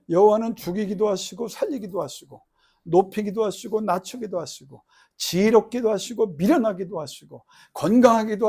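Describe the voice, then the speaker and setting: A middle-aged pastor delivers a sermon in a high, breathy-edged voice, swinging between loud, crying-out prayer and soft, low asides. He keeps questioning the congregation and has them repeat lines back to him.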